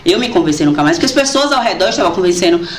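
Animated woman telling her story, roomy sound. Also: lowish voice, very fast, slight background noise. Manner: animated and expressive, acts out quoted voices. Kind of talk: casual conversation, personal storytelling. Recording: roomy echo.

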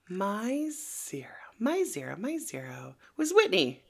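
A woman's voice: mid-range voice, wildly swooping pitch, slow, vocal fry, slightly rough. A woman co-hosting a podcast, chatting animatedly about reality TV, laughing often and mimicking people. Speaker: podcast co-host. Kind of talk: casual gossip chat.

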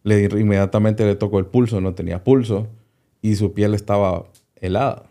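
Man, doctor, interview guest, low voice, hesitant storytelling, repeats small words. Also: steady tone, normal speed, mellow. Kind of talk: recounting a personal story in an interview.

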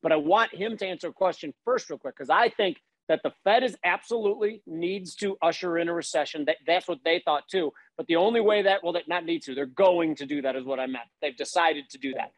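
A man's voice: fairly high pitch, fairly quick, few pauses, no room sound, rough recording. A man hosting a casual podcast chat, agreeing readily and handing questions to his guests. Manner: agreeable, runs the conversation, hands off questions. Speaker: podcast host.

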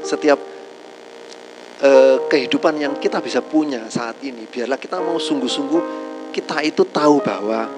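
A man's voice: medium pitch, low-quality recording. A man preaching a casual, joking sermon to a congregation, tagging nearly every phrase with a call to his listeners. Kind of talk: conversational sermon.

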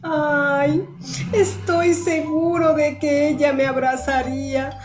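Tiny tearful boy parrot for a storybook, voiced by a woman: high, childlike, pleading, unhurried. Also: lively intonation, darkish tone, soft background music.

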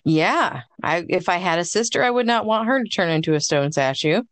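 Gentle, encouraging woman, lower voice. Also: animated, fairly quick, no room sound. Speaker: podcast co-host. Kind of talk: casual chat.

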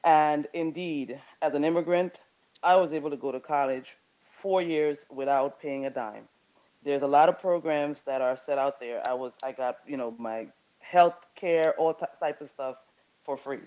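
A man from Guyana and Brazil speaking in a casual discussion, halting, with many fillers and restarts. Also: a little high, darkish tone. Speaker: participant in an audio chat room. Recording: dull lo-fi audio.

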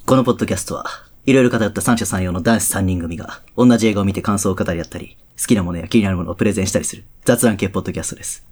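A man's voice: darkish tone, a little hiss or hum, close to an everyday voice. A man putting on a suave crooning podcaster. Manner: slow, low, breathy crooning close to the mic. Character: suave smooth-voiced male podcaster, self-adoring. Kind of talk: mock podcast intro.

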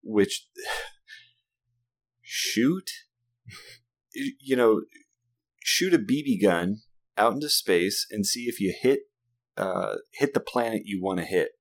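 A man's voice: fairly low pitch, animated, slow pace, pauses often. A man in his thirties, a father, telling a story in casual chat, laughing often and swearing casually.

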